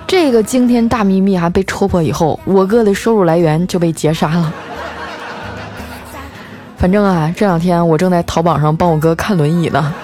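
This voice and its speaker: A woman's voice: on the low side, normal speed, dark tone, faint music behind. A woman host telling a comic story in a wry, chatty, colloquial way.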